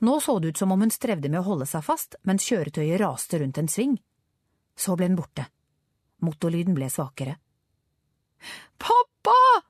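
Lively woman audiobook narrator. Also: on the low side, slightly rough, dry recording, studio quality. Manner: expressive storytelling. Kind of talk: scripted narration.

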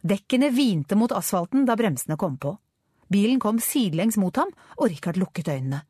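Lively woman audiobook narrator. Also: mid-range voice, breathy edge, no echo, studio quality. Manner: expressive storytelling. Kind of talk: scripted narration.

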